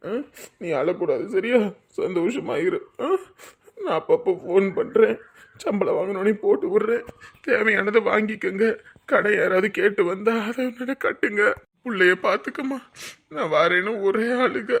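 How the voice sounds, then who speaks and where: A man plays a dutiful young village man with a husky, gravelly voice. He reassures his family gently and keeps checking that they agree. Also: high voice, normal speed, heavily acted. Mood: reassuring. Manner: gentle, reassuring, repeats "சரியா?". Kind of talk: web drama acting.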